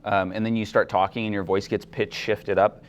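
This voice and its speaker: Low-voiced male chemistry teacher lecturing. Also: moderate pace. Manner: relaxed and explanatory, asks the class questions. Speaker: chemistry instructor. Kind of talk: classroom lecture. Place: classroom.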